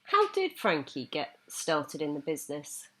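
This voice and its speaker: A woman with a slightly low voice interviews a guest on a podcast. She asks short, curious questions in a relaxed, conversational way. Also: measured pace.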